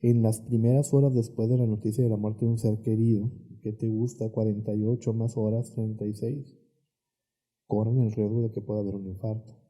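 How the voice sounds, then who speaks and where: A man with a Mexican accent, a therapist guest explaining emotions in a calm, reflective podcast conversation. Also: on the low side, brisk.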